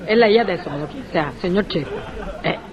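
A woman's voice: lowish voice, expressive, normal speed, a crowd in the background. A woman acting a chatty, scatterbrained concierge in a comedy sketch, talking in a theatrical, gushing way. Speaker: comic actress playing a chatty concierge. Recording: dull lo-fi recording with loud audience.

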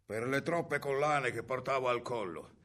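A man's voice: mid-range voice, normal speed, bright, forceful tone, close to an everyday voice. A man voicing a sly hairy ogress who poses as a grandmother, talking in a coaxing, falsely sweet way.

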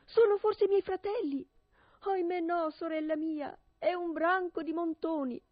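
A woman's voice: fairly even intonation, normal speed, no echo, dull audio. A woman voicing an anxious young sister on a tower. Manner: calling out, high and strained.

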